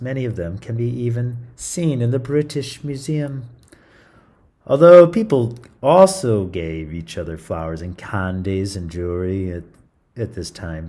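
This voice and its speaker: A man with a lowish, mellow voice reads a story aloud to children. His style is theatrical and playful, and he breaks in with chatty comments to his young listeners.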